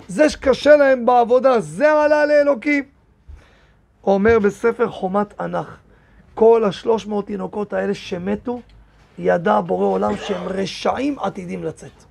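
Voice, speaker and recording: A man, a rabbi, teaching a lively Torah lesson in a synagogue, reading verses aloud and firing rhetorical questions at his listeners. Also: high voice, creaky.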